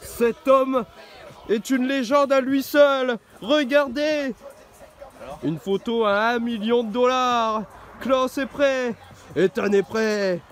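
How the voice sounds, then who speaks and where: A man calling a wrestling match play-by-play, excitable and bursting into shouted exclamations. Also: very high voice, slow pace, soft background music. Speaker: wrestling commentator.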